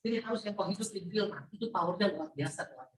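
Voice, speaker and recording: A middle-aged woman preaching an animated, playful sermon to a women's Bible class, mixing in English words. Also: mid-range voice, fast. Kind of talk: lively sermon. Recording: echoey hall, voice from a distance.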